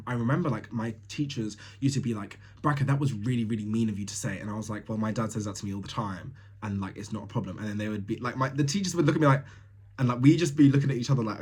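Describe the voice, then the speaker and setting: A young Tanzanian man hosts a solo podcast, speaking casually and bluntly, laughing often and filling his talk with fillers. His voice is fairly low with a breathy edge.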